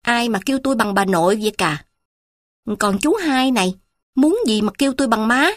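Storybook role: a fast-talking, suspicious old grandmother, high and sharp, put on by a woman narrator. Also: expressive, no room sound, studio quality, close to an everyday voice.

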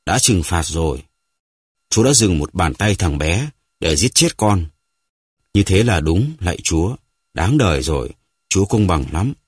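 A man voicing a hoarse, panting old grandfather who is full of guilt and rage in a read-aloud story. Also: low voice, big pitch swings, a little slow, no echo, clean studio sound, heavily acted. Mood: anguished.

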